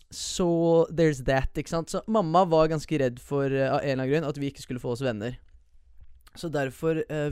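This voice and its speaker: A man's voice: mid-range voice, darkish tone, smooth, no room sound, clean studio sound. Slangy, cursing young man telling a story. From USA and Norway. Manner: profane, slangy, mixes English words into Norwegian. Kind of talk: casual personal storytelling.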